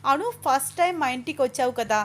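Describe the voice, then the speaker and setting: A woman voicing a mischievous younger sister who talks in a pleading, playful, high voice. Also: animated, fast, fairly bright tone.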